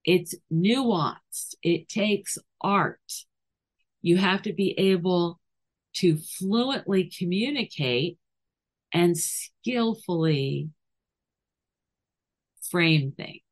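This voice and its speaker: A woman's voice: extremely slow, long pauses. A middle-aged woman dog trainer talking through training ideas and acting out little scenes. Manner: animated, acts out scenes with sudden high voices. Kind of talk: podcast monologue.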